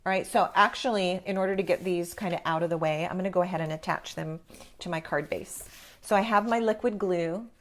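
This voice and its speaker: Chatty woman with a slightly low voice. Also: brisk. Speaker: craft class host. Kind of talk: casual live craft tutorial, step by step.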